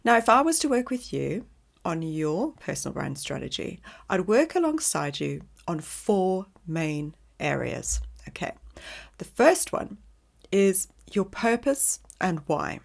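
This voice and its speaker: A woman's voice: on the low side, unhurried, vocal fry. A woman hosting her own podcast as a brand strategist, talking straight to the listener in a coaching way. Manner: lively, coaching, direct address to listener. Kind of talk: scripted solo podcast monologue.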